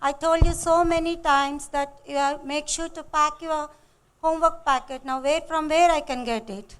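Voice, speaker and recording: A woman's voice: sits high, fairly even intonation, moderate pace, fairly bright tone. A woman with a Telugu Indian accent acting as a nagging, exasperated mother in an amateur skit. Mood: scolding. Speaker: actor in an amateur children's moral skit.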